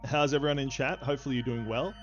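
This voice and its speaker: A man's voice: medium pitch, fairly even intonation, very fast, dull audio, music in the background. A man acting as dungeon master and stream host, chatting casually and joking with his players and chat. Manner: jokey, playful banter with chat. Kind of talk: casual livestream chat, narrating a tabletop game.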